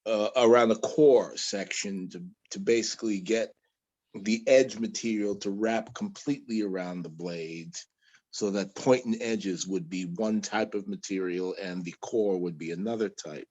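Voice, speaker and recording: A man, a guest bladesmith, talking haltingly with restarts in a casual interview over a video call. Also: on the low side, a little mellow. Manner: halting, with many restarts and fillers.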